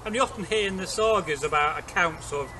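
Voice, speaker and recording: A middle-aged man with a Derbyshire East Midlands accent, co-hosting as a Viking re-enactor and craftsman, chats casually while showing and explaining things outdoors in a leafy garden. His voice is high and brisk, picked up by a camera a few metres away over a background crowd, birds and distant traffic.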